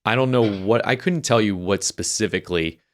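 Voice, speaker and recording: His pitch is fairly low and he talks fairly quickly. He's a young Navy veteran from New Hampshire, guesting on a podcast and telling his life story in a rambling way, full of restarts and fillers, as casual interview storytelling.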